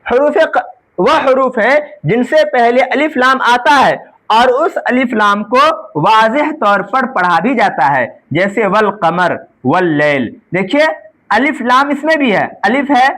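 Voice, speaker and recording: Woman teacher, exam-prep grammar lecture, asks and answers her own questions, spells letters out slowly. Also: on the high side, animated, a bit bright. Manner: asks the class questions and answers them herself; often adds a checking "right?" tag.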